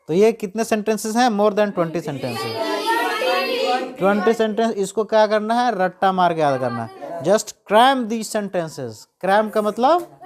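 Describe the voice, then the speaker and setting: A woman teaching spoken English to children with an Indian accent, slowly repeating each English phrase after explaining it in Hindi. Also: mid-range voice. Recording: loud crowd and noise behind.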